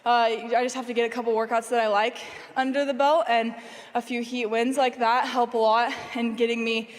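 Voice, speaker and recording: Female athlete, post-event interview, tired but giggly, higher voice, reverberant arena. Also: flat delivery, fairly quick. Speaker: competing athlete being interviewed. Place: large indoor competition venue. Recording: reverberant large venue.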